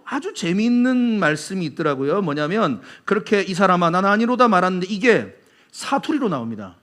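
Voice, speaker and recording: A man's voice: high voice, a bit bright. A male pastor with a Busan Gyeongsang accent, preaching a sermon and putting rhetorical questions to his congregation. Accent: Busan Gyeongsang Korean. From Busan, South Korea.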